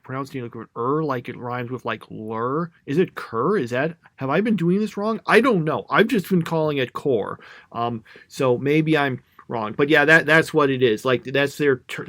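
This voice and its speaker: A man's voice: medium pitch, fairly bright tone, no room sound, clean studio sound. A man co-hosting a podcast in casual chat, rambling and second-guessing himself as he thinks aloud. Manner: rambling, self-doubting, thinks aloud with fillers. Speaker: podcast co-host.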